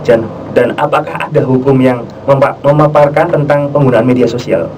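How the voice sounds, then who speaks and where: A man's voice: medium pitch, steady tone, normal speed, a little mellow. A man presenting a radio talk show conversationally, polite and deferential, with somewhat hesitant phrasing. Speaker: radio host. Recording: slightly distant mic, faint noise.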